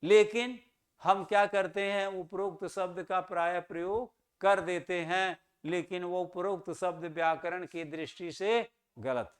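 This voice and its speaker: A high-pitched man with a steady tone teaches Hindi grammar for exam preparation. He poses questions, answers them himself, and says key words again slowly to underline their correct pronunciation.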